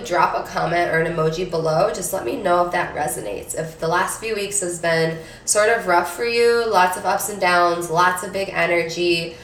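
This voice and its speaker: A woman talks to her live-stream viewers in a chatty, upbeat way, sometimes swearing, her voice nasal from a cold and a little low. She sits back from the mic in an echoey room with faint noise behind her. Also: a bit bright, recorded from a distance. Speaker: manifestation coach. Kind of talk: casual live stream talk.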